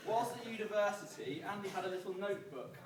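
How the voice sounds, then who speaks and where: A man giving a prepared, humorous best man speech, projecting to the room with dry storytelling and pauses. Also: high voice, animated. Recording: echoey, distant, noisy event recording.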